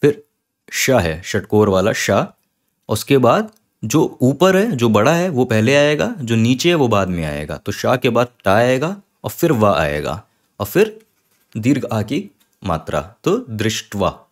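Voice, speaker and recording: A man's voice: medium pitch, very animated. Patient man teaching a language lesson. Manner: patient, spells words out slowly sound by sound. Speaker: Sanskrit teacher. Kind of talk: online lesson.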